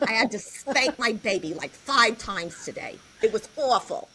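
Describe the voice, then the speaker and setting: A woman voicing a chain-smoking housewife character in a low smoker's drawl. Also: animated, a little slow, crowd noise, poor audio. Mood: dramatic. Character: raspy smoking housewife, old-fashioned gossip.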